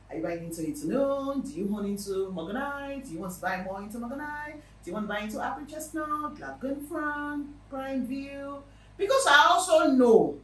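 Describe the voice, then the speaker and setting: Lively Nigerian woman hosting a property show. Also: lowish voice, reverberant, far from the mic, slight background noise, poor audio. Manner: lively and chatty, with emphatic repetition. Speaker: real estate show host. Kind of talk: casual monologue to viewers.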